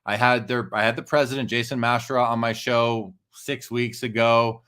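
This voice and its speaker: A man's voice: medium pitch, little pitch movement, moderate pace, fairly bright tone, clean tone. Talkative man giving opinionated casual commentary. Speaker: show host and commentator.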